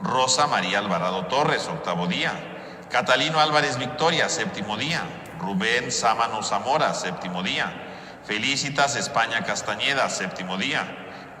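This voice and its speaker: Male priest, piercing bright tone, booming cathedral echo with long reverb. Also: a little hiss or hum. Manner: preaching with frequent "¿verdad?" tags. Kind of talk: homily and prayers at Mass. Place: large church. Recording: echoey church with long reverb.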